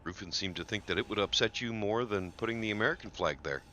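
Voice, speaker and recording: A man's voice: on the low side, fast, bright, forceful tone, a little hiss or hum. A man chatting casually with friends while playing a building game, wry and sarcastic. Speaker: game streamer. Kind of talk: casual multiplayer game chat.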